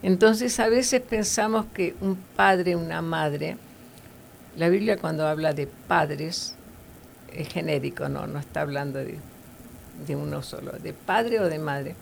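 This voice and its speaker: A woman's voice: low voice, measured pace, vocal fry, a little hiss or hum. A woman giving earnest, conversational Bible teaching, with fillers and tag questions.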